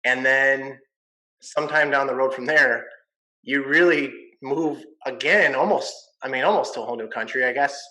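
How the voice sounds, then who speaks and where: A podcast host and realtor from Michigan runs a casual video-call interview, easygoing and jokey, often saying "man" and "you know." His mid-range voice has a sharp tone at normal speed, and the recording is rough.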